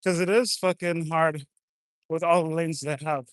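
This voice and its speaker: A man's voice: fairly high pitch, fairly even intonation, normal speed, smooth, no echo, clean studio sound. A man from France, chatting casually and bluntly, swearing now and then. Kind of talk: casual chat.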